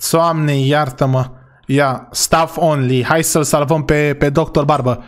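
A young man with a naturally high voice runs through a role-play game and talks straight to his viewers. He leads the group along and keeps up a running commentary on the game. Every so often he breaks into a startled, high-pitched shriek. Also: steady tone. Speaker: gaming YouTuber.

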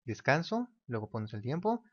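A man's voice: mid-range voice, big pitch swings, moderate pace, breathy edge. A man giving a casual whiteboard lesson, talking while he draws and mimicking a ticking clock. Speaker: teacher. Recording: dull lo-fi recording.

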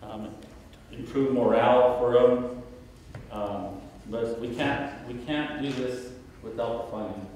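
A man answering questions as a school board candidate at a podium, halting with fillers and restarts. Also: mid-range voice, fairly even intonation, darkish tone, slight background noise. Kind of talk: candidate forum answers, unscripted. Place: large auditorium stage at a podium. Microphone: podium mic from a far camera. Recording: echoey hall heard from far off.

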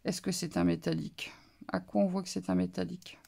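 A woman's voice: on the low side, level tone, brisk, vocal fry, dark tone, husky. A woman vlogger casually showing off a craft haul, talking in a hesitant, musing way with many fillers. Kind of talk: casual show-and-tell haul.

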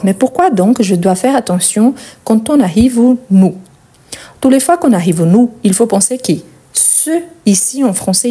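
Mellow, husky-voiced woman teaching French. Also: fairly high pitch. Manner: explains slowly, stretches and stresses example words, asks "Ok?". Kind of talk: conjugation lesson.

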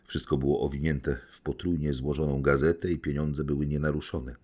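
Very deep, husky male audiobook narrator. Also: flat delivery, brisk, dark tone. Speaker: audiobook reader.

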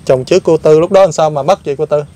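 A male interviewer with a somewhat high voice. He asks his questions gently and patiently and repeats them when they are not heard. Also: quick pace. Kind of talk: casual interview.

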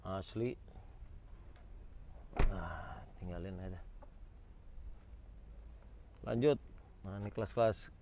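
This used car auction vlogger speaks slowly in a low, warm voice, pausing often. He addresses viewers directly with casual, excited commentary as he strolls through an outdoor car lot.

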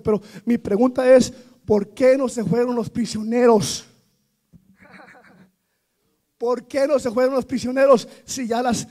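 A man preaching a Pentecostal sermon in church, building from quiet storytelling to shouted praise. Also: very high-pitched, breathy edge.

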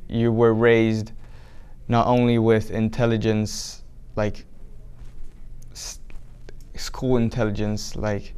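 A man's voice: fairly low pitch, darkish tone, clear, resonant tone. A young man from Brazil with a Brazilian accent, answering interview questions in a hesitant way with many restarts, recorded in a small room. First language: Portuguese. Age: young adult. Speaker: documentary subject. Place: small indoor room with flag backdrop.

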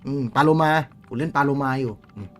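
A young man streaming a game live, chatting with viewers in a crude, swearing, excitable way. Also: medium pitch, fast, faint music behind.

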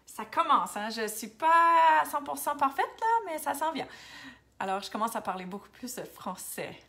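A bright, clear-voiced woman with an Acadian French accent hosts a casual live stream. She chats easily, answers viewers one by one and sometimes drops to a near-whisper before coming back to full voice. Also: high voice, animated, moderate pace. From New Brunswick, Canada. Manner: chatty, switches to English, drops to near-whispers now and then. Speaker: makeup seller hosting a Facebook live.

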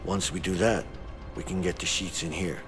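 A man voicing a very low-voiced, practical prison inmate in a video game, talking through the escape step by step. His tone stays even and matter-of-fact, with game music playing underneath. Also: normal speed, natural voice. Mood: planning. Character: determined male prison inmate plotting an escape.

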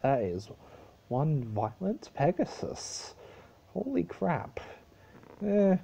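A man's voice: lowish voice, sing-song, unhurried, dark tone, a little hiss or hum. A man casually reacting to a video, chatty and easily amused. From Australia.

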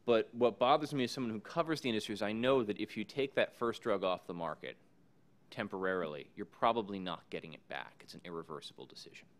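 Speaking into a podium mic in a conference room, a male panelist in his forties offers remarks during a panel discussion. His voice is lowish, and he comes across as measured and thoughtful, often saying um.

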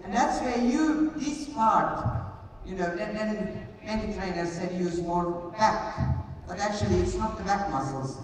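A middle-aged riding instructor works hands-on at a live clinic, explaining, demonstrating, and repeating short commands in a large indoor arena. Her medium-pitched voice is lively in intonation and measured in pace. Recorded from a far camera among the audience, the audio is distant, echo-filled, and noisy.

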